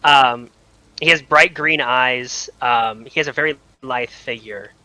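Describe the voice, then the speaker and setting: A man narrating as game master, relaxed and full of pauses. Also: mid-range voice, no room sound, low-quality recording. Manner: relaxed, hesitant with many ums.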